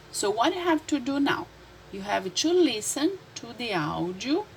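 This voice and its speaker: A woman teacher with a Brazilian Portuguese accent, a native Portuguese speaker, explaining English words slowly and repeating them for her learners. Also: medium pitch, a little hiss or hum, poor audio. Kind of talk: classroom lesson explaining vocabulary.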